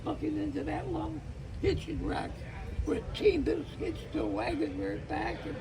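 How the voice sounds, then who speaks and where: A man with a folksy cowboy drawl, reciting rhyming cowboy poetry like a storyteller in a gravelly voice. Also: very high-pitched, huge pitch swings, normal speed, music in the background.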